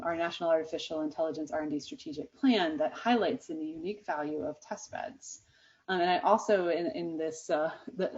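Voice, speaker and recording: A woman's voice: fairly low pitch, a little mellow. A woman giving a conference research presentation, speaking earnestly with many ums and restarts. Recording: dull lo-fi sound.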